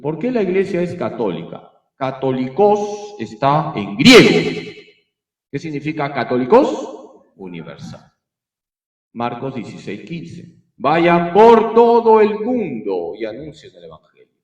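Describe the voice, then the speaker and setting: A man's voice: mid-range voice, sing-song, measured pace, roomy sound, muffled recording. A man, a priest, teaching a catechism class, emphatic and given to repeating key phrases. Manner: storytelling with acted quotes.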